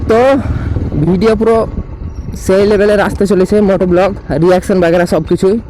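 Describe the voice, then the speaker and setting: Casting: young male motovlogger, West Bengal accent, high voice, chatting from inside a helmet over clear road noise. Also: steady tone, brisk, warm tone. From West Bengal, India. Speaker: motovlogger, host. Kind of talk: casual vlog chat to viewers. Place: outdoors on a motorbike, inside a helmet. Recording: noisy outdoor road and vehicle sound.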